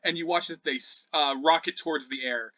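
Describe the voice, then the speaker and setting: A man's voice: on the high side, a little fast, bright, forceful tone. A man running a tabletop game as dungeon master, narrating vividly with sound effects. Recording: dull lo-fi sound.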